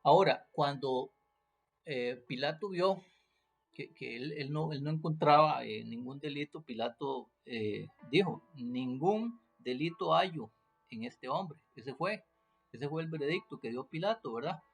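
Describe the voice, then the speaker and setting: Male preacher, gravelly voice, halting delivery, faint music underneath. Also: fairly high pitch. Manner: hesitant, many fillers and restarts, rhetorical questions. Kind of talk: unscripted Bible teaching.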